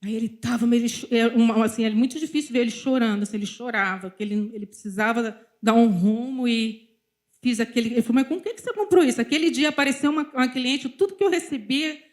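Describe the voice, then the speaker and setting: A woman's voice: a little high, fast. A middle-aged woman with a Brazilian Portuguese accent, speaking at a church and preaching through personal stories while talking directly to the congregation. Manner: storytelling, often addressing the congregation directly. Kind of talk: sermon with personal testimony.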